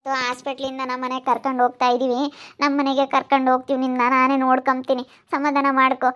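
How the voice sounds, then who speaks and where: A woman's voice: high-pitched, monotone, fast, fairly bright tone, clear, resonant tone, lo-fi sound. A woman voicing a protective elder sister in an amateur family drama skit, insisting on taking the young couple home. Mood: insistent.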